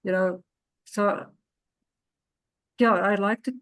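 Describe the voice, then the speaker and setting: A woman guest on a podcast, speaking slowly and haltingly as she shares her parenting experience. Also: mid-range voice, fairly even intonation, fairly bright tone, no echo. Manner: slow and measured, halting. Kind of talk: casual conversational sharing.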